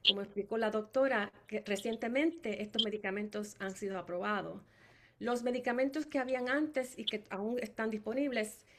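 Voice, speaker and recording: A woman's voice: on the high side, fairly bright tone. A middle-aged woman from Puerto Rico with a Puerto Rican Spanish accent, giving a personal caregiver testimony with many fillers and restarts. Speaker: family caregiver speaker.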